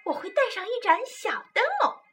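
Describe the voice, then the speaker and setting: A loud, cheerful little fox cub from a storybook, high and bright, bragging with excitement, as a woman puts the cub on. The voice leaps up and down with lively energy. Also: a little slow, faint music behind, heavily acted. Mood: excited, boastful.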